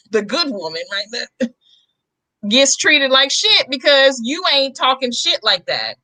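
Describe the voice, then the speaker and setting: A woman co-hosting a casual podcast, blunt and emphatic. Her voice is bright and a bit high. The recording is dry and close. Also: very animated, takes it slowly, dry recording. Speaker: podcast co-host. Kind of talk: casual chat.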